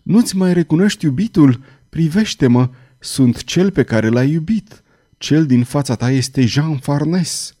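A man reading aloud plays a middle-aged cardinal torn apart by lost love, pleading and crying out with a dark, mellow voice. The lines rise and break with despair, as in a spoken storybook. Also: medium pitch, lively intonation, lightly acted. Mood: desperate. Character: anguished middle-aged male cardinal, desperate lover.

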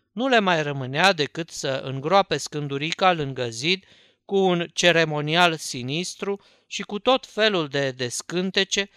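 Man narrating a storybook, bright crisp voice. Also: on the high side, no room sound, clean studio sound. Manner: measured storytelling delivery. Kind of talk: scripted audiobook narration.

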